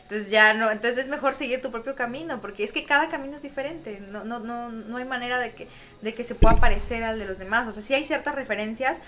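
Woman guest talking fast about her music career, chatty and quick. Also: on the high side, noisy background. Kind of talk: casual interview chat.

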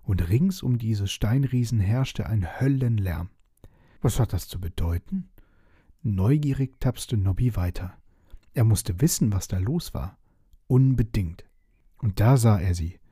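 A man narrating a children's storybook in a lively, expressive reading. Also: lowish voice, husky, no room sound, studio quality.

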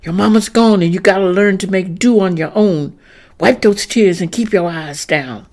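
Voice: medium pitch, moderate pace, a little mellow, natural voice. A narrator voicing a stern adult who bluntly tells a crying girl to stop and carry on alone.

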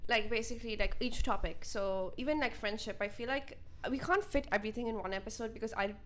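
A young woman co-hosting a casual podcast, animated and talking straight to her listeners. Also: fairly high pitch, fast. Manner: animated, addresses listeners directly. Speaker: podcast co-host.

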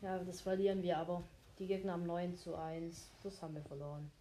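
A woman giving casual, low-key, mildly grumbling commentary on her own gameplay. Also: level tone, brisk, mellow, slight background noise, rough recording. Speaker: gamer commentating own play.

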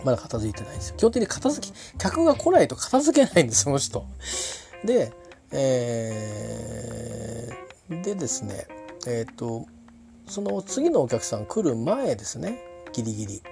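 A man's voice: medium pitch, sing-song, moderate pace, vocal fry, music in the background. A man telling a casual anecdote in a rambling way, full of fillers and restarts.

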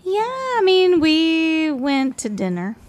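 A woman's voice: very high-pitched, huge pitch swings, takes it slowly. A woman in her forties with an East Texas accent, a podcast guest chatting in an easygoing way. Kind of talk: casual chat.

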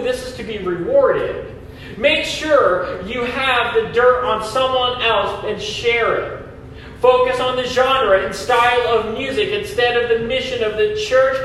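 High-voiced pastor in cathedral echo. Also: male voice, a bit bright. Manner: emphatic preaching, asks rhetorical questions and answers them. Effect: cathedral-like booming echo. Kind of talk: sermon ending in prayer. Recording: heavy hall echo, distant mic, faint noise.

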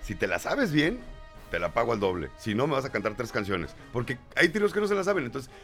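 A man's voice: medium pitch, big pitch swings, fast talker, music in the background. A middle-aged Mexican man hosting a casual radio chat, joking and reading listener messages aloud. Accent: Mexican Spanish. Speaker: radio host.

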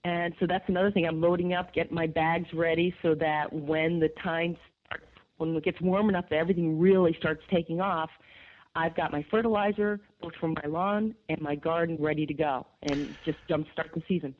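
A woman from upstate New York with a gravelly voice, chatting enthusiastically as a garden expert guest in a radio interview, with lots of fillers. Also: low-pitched, steady tone, fairly quick. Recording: tinny phone line.

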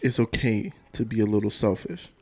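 A man's voice: on the low side, animated, a little fast, darkish tone, slightly rough. A man co-hosting a casual podcast in a laid-back, profane way, acting out little exchanges as he talks. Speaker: podcast co-host.

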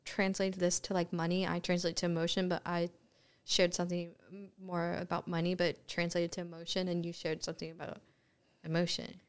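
A woman who is a podcast guest, chatting casually and acting out other people's voices in an animated way. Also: lowish voice, fairly quick, clear, resonant tone.

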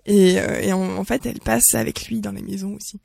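A woman chatting casually in a group talk, lively and exclamatory, with many fillers. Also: mid-range voice, a little fast, gravelly, no echo.

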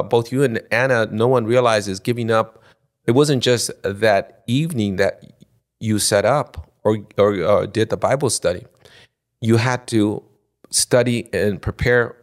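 A man in his sixties from Ecuador, a podcast guest talking off the cuff in halting, restarting phrases. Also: lowish voice. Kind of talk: spontaneous conversation.

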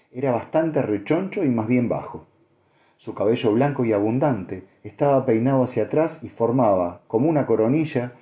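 A man narrating an audiobook in a steady, measured reading. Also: mid-range voice. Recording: echoey room.

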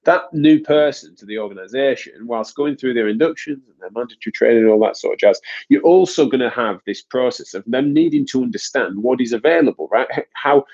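With a medium-pitched, slightly mellow voice, a UK physiotherapist hosting a podcast sounds expressive and fairly quick. He is congested and nasal, rambling casually with many restarts, and the lo-fi recording comes across dull.

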